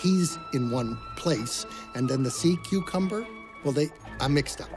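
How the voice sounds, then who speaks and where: An actor playing an anxious, fussy clownfish father in an animated film, rambling nervously over loud music. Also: on the high side, measured pace. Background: film score.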